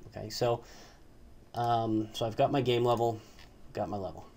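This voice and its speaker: A man's voice: medium pitch, flat delivery, moderate pace, a little mellow. A man giving a casual, hesitant coding tutorial, full of fillers and asking "right?" as he walks through his screen. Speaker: tutorial host.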